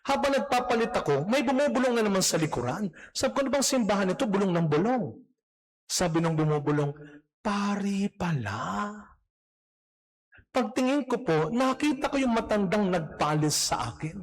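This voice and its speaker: A man's voice: sits high, very animated, fairly quick, a crowd in the background. A man, a priest, giving a morning mass homily with a storytelling, humorous touch. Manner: storytelling with humorous anecdotes, mixing Tagalog and English. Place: church.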